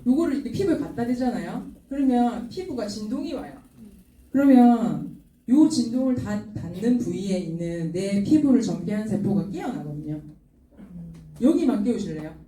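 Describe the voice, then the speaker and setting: Middle-aged woman, lively seminar talk, warm low-toned voice, distant roomy hall sound. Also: moderate pace, slight background noise. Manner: animated, laughing, acts out quoted customers. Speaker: product seminar speaker.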